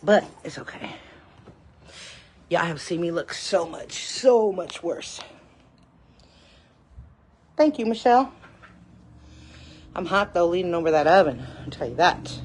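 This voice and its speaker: A woman's voice: fairly low pitch, expressive, normal speed, pauses often, a little hiss or hum. A woman hosting a casual live cooking stream from her home kitchen, talking to viewers as y'all, a bit hot and out of breath. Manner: chatty, addresses viewers as y'all. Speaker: cooking livestream host. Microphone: phone livestream.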